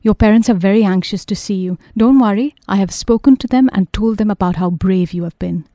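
A woman playing a kind middle-aged father in an audiobook, gentle and reassuring. Her tone is dark and mellow, recorded dry and close. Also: sits high, brisk, no echo.

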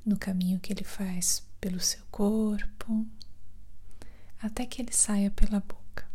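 Slow, breathy whispering woman guiding meditation. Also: mid-range voice, steady tone. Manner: slow, gentle instructions with long pauses. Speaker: guided meditation leader. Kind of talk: guided breathing meditation in a soft, spa-like ASMR whisper.

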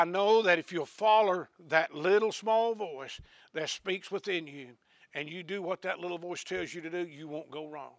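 A man preaching a sermon, repeating questions to the congregation and ending in a hushed prayer. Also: sits high, dry recording, clean studio sound. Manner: rising to shouts of praise, then hushed prayer.

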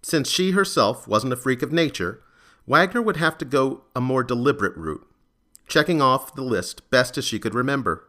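A man narrating a serialized crime story in a measured, steady scripted reading. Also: mid-range voice.

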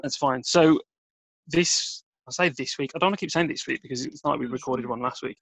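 Gravelly man hosting a chat. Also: mid-range voice, fairly quick, no room sound, low-quality recording. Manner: relaxed, hesitant with many fillers. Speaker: podcast host. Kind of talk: casual football chat.

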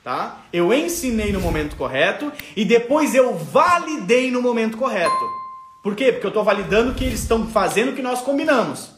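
A man's voice: high voice, big pitch swings, fairly quick, reverberant, over music. A man with a Brazilian accent giving a live parenting lesson, explaining step by step, checking in often and acting out the voices of parents and children. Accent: Brazilian Portuguese. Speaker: parenting educator. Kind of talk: live parenting lesson, answering viewer questions.

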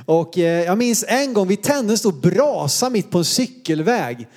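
Big swings in pitch mark this man's high, somewhat mellow voice. In his thirties and from Sweden, he delivers a sermon with personal anecdotes, humorously poking fun at himself through stories of his childhood.

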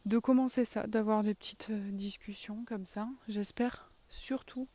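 Mellow woman with a southwest French accent. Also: medium pitch, fairly even intonation, unhurried. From southwest France. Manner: candid, self-deprecating, casual swearing. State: walking while talking. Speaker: podcast host. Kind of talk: casual solo podcast monologue. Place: outdoors in her garden, walking in circles.

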